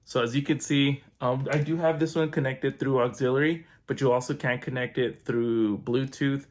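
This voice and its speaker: A man's voice: mid-range voice, fairly even intonation, normal speed. Man, casual product review, upbeat, chatty, mid-range voice, indoors.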